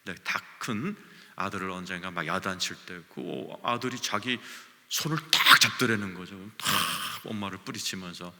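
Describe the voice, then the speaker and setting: Bright-voiced preacher man in a reverberant church. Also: normal speed. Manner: storytelling preacher with sweeping swings in pitch and loudness; drops to a near whisper for emphasis. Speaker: senior pastor. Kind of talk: sermon. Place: church sanctuary. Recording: long church hall reverb.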